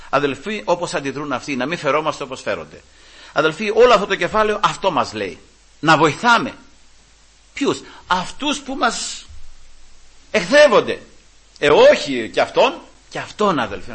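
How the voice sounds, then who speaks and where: Fervent husky-voiced preacher man. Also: a little high. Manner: fervent, keeps calling out to his brothers; drops to quiet asides then rises to loud emphatic peaks. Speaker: Pentecostal preacher. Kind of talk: sermon.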